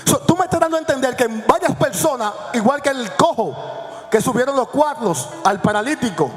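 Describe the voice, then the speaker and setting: Male pastor, high register, fiery sermon delivery with hushed-to-shouted swings, echoey hall with faint music behind. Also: animated, fairly quick.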